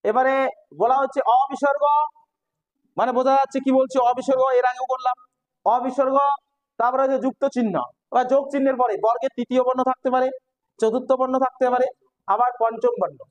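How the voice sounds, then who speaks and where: A man with a Bengali accent and a very high voice explains grammar rules step by step to his students. He keeps repeating the same check-in questions to make sure they follow. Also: little pitch movement, a little fast, rough recording. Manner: keeps asking if students understand. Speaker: teacher.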